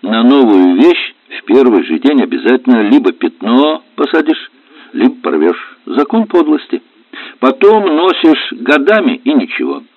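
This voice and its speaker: A man's voice: mid-range voice, sing-song, normal speed, gravelly, dry recording, pitched above the performer's own voice. A man voicing a caring, chatty young wife who soothes and reassures, in a storybook reading. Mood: soothing. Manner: soothing, talkative. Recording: tinny dry lo-fi audio.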